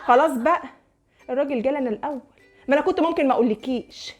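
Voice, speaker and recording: Fast-talking, wheedling Egyptian woman. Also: high-pitched, loud music behind the voice. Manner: wheedling, coaxing, pushy. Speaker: comedy sketch creator. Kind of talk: comic one-sided phone-style sketch.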